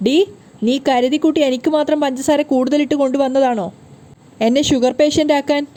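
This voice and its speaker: A woman voicing a stern middle-aged mother-in-law who scolds with sharp, accusing questions in a TV serial recap. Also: high-pitched, steady tone, normal speed, natural voice. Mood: scolding.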